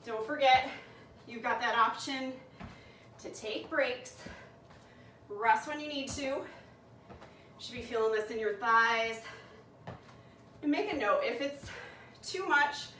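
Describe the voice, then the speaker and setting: A woman's voice: a little high, slow, pauses often, sharp tone, roomy sound, far from the mic, slight background noise, poor audio. A woman leading a workout class, coaching and counting reps aloud while she exercises, winded and out of breath. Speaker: fitness instructor.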